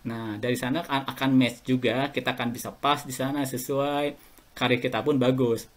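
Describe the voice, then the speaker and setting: A man's voice: mid-range voice, fairly even intonation, normal speed. A middle-aged Indonesian man, a guest in a casual podcast interview, telling anecdotes and chuckling as he talks. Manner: chatty and anecdotal, chuckles while talking. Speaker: guest alumnus.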